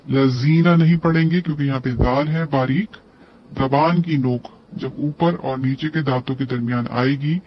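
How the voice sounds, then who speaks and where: A man's voice: on the high side, a little hiss or hum. A man teaching tajweed, breaking words into letters and drawing out the recited syllables between plain explanations. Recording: dull lo-fi recording.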